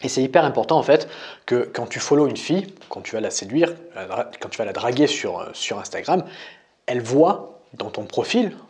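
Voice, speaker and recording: A man's voice: medium pitch, very animated, moderate pace, darkish tone. A young man from France, a dating coach, explaining in a casual tutorial, talking straight to the listener with frequent fillers. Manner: casual, addresses listener as tu, frequent "tu vois" and "euh". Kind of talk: screen-recorded tutorial.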